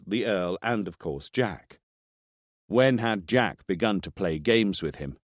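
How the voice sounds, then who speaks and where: A man reading a thriller audiobook as scripted narration, with expressive delivery. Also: low voice, no room sound, studio quality.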